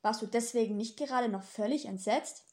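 A woman voicing a gentle, earnest male angel in an audiobook, polite and easily hurt. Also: fairly high pitch, a little fast, natural voice. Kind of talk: audiobook dialogue.

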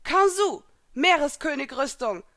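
Woman putting on a bold warrior gal, stern and cocky, loud and high, storybook reading. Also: animated, normal speed, lightly acted. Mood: fierce, taunting. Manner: commanding, taunting.

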